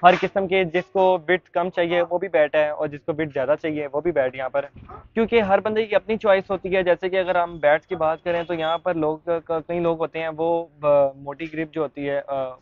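In a narrow, tinny recording, a young adult man speaks in a fairly high pitch with a Pakistani Urdu accent. He's a vlogger giving a chatty walking tour of a sports market and shop, often using fillers and restarting his sentences.

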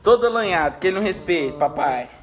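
High-voiced man cooing at his dog. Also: lively intonation, fast talker. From Espírito Santo, Brazil. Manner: doting baby talk to his pet, pleading and soothing. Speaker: pet owner streaming live. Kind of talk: casual live-stream chat.

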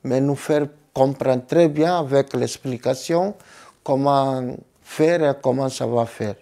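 A man from Guinea-Bissau, not a native French speaker, giving an interview in a classroom in careful, halting French. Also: medium pitch, creaky, mellow. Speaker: language course participant. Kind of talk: interview testimony. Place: classroom indoors.

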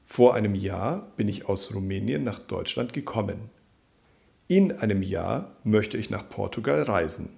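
A man teaches a grammar lesson at an unhurried, deliberate pace. His low voice has a gravelly edge, and his pitch rises and falls widely as he stresses each answer. He reads every sentence out clearly and then says it again. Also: animated, a little mellow. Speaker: German teacher.

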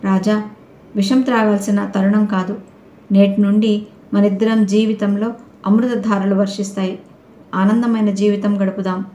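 A woman's voice: mid-range voice, little pitch movement, normal speed, dark tone, natural voice. A woman voicing a young husband who earnestly pleads and reasons with his wife, in an audio novel reading. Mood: pleading. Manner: earnest, persuasive. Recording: roomy echoey recording.

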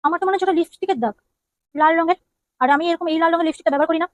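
A woman playing a fast-talking suspicious wife. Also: very high-pitched, dry recording. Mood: scolding. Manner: scolding, interrogating with rapid questions. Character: jealous, nagging, suspicious young wife. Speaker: suspicious wife in comedy skit. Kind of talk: comedy skit acting.

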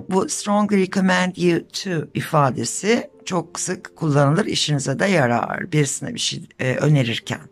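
Low-voiced woman teaching English. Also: unhurried. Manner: patient, explanatory, mixing Turkish with English examples. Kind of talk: explaining an English lesson.

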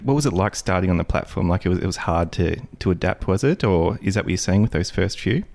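A man's voice: deep voice, expressive, fast, creaky, darkish tone. A man hosting a podcast interview, friendly and often restarting his questions. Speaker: podcast host.

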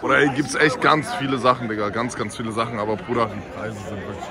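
A young man chatting casually to the camera as a vlogger, excitable and full of slang. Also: medium pitch, quick pace, over a noisy crowd. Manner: excitable, slangy, keeps saying "Digga" and "Bruder". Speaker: streamer and vlogger. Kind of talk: casual vlog chat.

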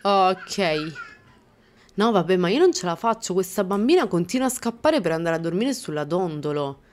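A woman's voice: fairly low pitch, lively intonation, moderate pace, darkish tone. Exasperated young woman narrating a game. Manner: exasperated, scolding the game characters, frequent laughs and exclamations. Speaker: gaming channel host. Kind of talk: casual let's-play commentary.

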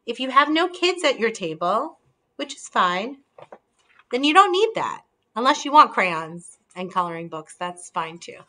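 A woman's voice: mid-range voice, pushed and bright. A woman in her thirties hosting a casual video call from her dining room, explaining and showing books as she talks. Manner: friendly, holds up books while explaining. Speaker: host presenting holiday table ideas. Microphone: video call on laptop camera.

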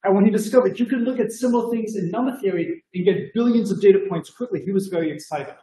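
Speaking over a video call at a math conference, a middle-aged Boston-accented lecturer is enthusiastic and conversational, dropping lots of "you know" fillers. His voice is high and warm, his pace quick, and the low-quality recording echoes as if in a large room.

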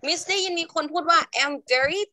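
A young Thai woman teaching English to children in an online class, drawing words out slowly for them to repeat. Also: extremely high pitch, a loud crowd. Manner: slow, drawn-out modelling of words for pupils to repeat.

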